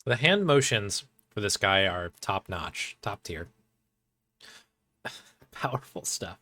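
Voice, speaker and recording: A man's voice: lowish voice, animated, slow pace, bright, forceful tone, no echo. A man streaming a video game, making joking, rambling asides. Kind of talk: casual let's-play commentary. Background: faint game music.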